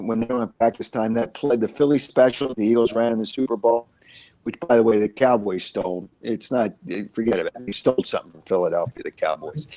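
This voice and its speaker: His mid-range voice has a slight mellowness as he co-hosts casual sports talk, breaking down football while rambling, repeating points, and saying uh often. The recording is rough, with no echo.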